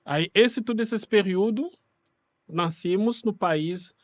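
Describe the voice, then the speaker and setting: This refugee rights activist from Kinshasa, Democratic Republic of the Congo, appears as an interview guest and explains himself in non-native Portuguese that is loose in grammar and carries a Congolese accent. He grew up speaking Congolese languages like Lingala. His high voice moves slowly, and the muffled recording has no echo.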